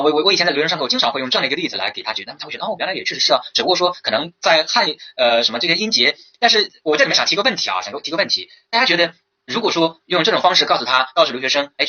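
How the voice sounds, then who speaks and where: A man teaching as a language instructor in a recorded exam-prep lecture, lively and full of rhetorical questions. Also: fairly high pitch, husky, lo-fi sound.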